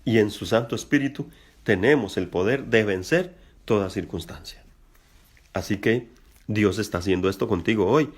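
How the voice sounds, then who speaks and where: A middle-aged man preaching a sermon earnestly, spelling out words slowly and addressing his listeners directly. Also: lowish voice, breathy edge. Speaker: pastor.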